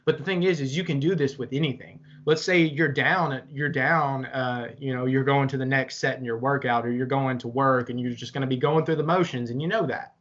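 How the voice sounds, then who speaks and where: Speaking a little fast with hardly any pauses, this young podcast co-host has a medium-pitched, bit bright voice and fairly even intonation. He talks earnestly and motivationally in a casual chat, swearing at times, over slightly dull lo-fi audio.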